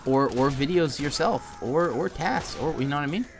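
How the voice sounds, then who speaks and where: A man's voice: a little high, lively intonation, moderate pace. Rambling, foul-mouthed gaming streamer man. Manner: rambling, swears a lot, many restarts. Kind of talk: casual chat while playing.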